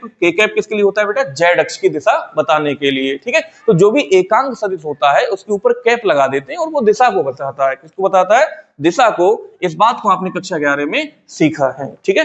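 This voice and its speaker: High-voiced man drilling students by call and answer. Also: fairly bright tone, lo-fi sound. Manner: asks questions and answers them himself, repeating key terms; calls students "beta" fondly. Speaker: physics teacher. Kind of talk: classroom lecture at a whiteboard.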